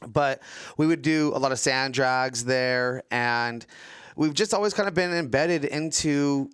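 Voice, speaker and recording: A middle-aged man from Southern California, co-hosting a casual podcast and telling stories in animated bursts. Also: medium pitch, a little slow, clean tone, no room sound, studio quality. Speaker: co-host.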